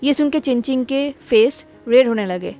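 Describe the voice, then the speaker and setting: A woman reading a fan fiction aloud as storytelling narration, at an even pace and without separate character voices. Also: high-pitched, moderate pace, faint music behind.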